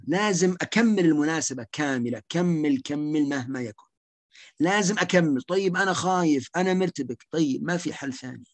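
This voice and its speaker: Fast, emphatic male lecturer. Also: a little high, no room sound. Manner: rapid, emphatic, repeats key points. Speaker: psychiatrist giving a lecture on social anxiety. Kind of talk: lecture with slides.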